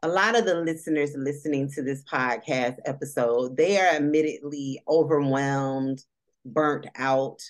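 A woman hosting a social work career podcast, asking questions in an enthusiastic, affirming way. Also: a bass voice. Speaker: podcast host, social worker. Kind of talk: podcast interview.

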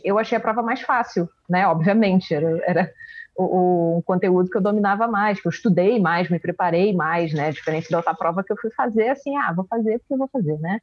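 A woman, a forensic expert and teacher, telling her story in an interview in a casual, animated way with many fillers. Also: mid-range voice, lo-fi sound. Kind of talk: interview answers, personal story.

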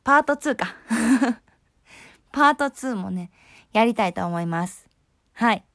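A woman's voice: mid-range voice, lively intonation, normal speed, pushed and bright, dry recording, clean studio sound. A young woman with a Kansai accent hosting a casual solo talk show in a chatty, friendly way and laughing easily. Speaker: host.

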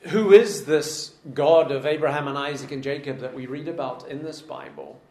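A man's voice: on the high side, normal speed, mellow, echoey room. A man preaching a sermon to a congregation in a room, earnest and repeating his points for emphasis.

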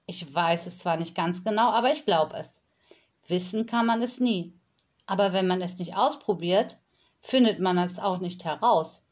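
A woman voicing a calm, whimsical nanny in a storybook reading, gentle and patient. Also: fairly low pitch, normal speed, close to an everyday voice.

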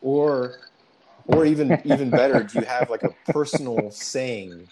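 A man's voice: mid-range voice, measured pace, a loud crowd, low-quality recording. A man in his forties hosting a casual interview, chatty and rambling with asides as he asks questions. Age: 40s. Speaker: podcast host.

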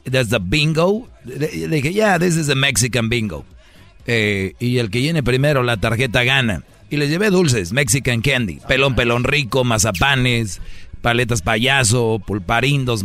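A man's voice: medium pitch, fairly bright tone. Teasing man chatting on the radio. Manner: teasing, joking storyteller. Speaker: radio show host. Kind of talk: casual comedic radio banter.

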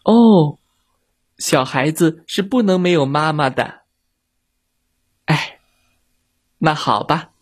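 A man voicing a childlike little male monster with a huge belly, greedy but soft-hearted, in a children's audio story. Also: fairly high pitch, expressive, slow, pauses often, breathy edge, full character voice. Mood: gentle. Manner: childlike, fierce then soft.

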